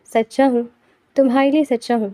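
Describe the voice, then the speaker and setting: A woman's voice: sits high, steady tone, warm tone, no echo, clean studio sound, lightly acted. A woman voicing a tender young husband, once stern, in an audiobook novel. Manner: tender and affectionate.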